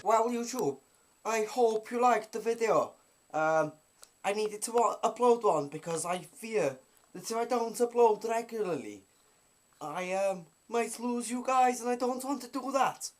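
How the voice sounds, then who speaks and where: A man voicing an excitable fellow with a broad, silly local accent and drawn-out exclamations in a comic vlog. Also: very high-pitched, faint music behind, pitched above the performer's own voice, heavily acted. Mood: eager, pleading.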